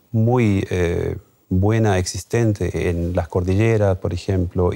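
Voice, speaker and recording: A man in his fifties, born in Argentina, answering interview questions on a TV studio set with a lapel mic, measured and hesitant with fillers. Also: lowish voice, warm tone. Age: 50s. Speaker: wine importer guest.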